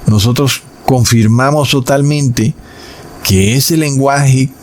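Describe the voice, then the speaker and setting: A man preaching in a sermon-style Bible lesson, addressing his listeners as brothers and slowing down on key words for emphasis. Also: mid-range voice, a little mellow.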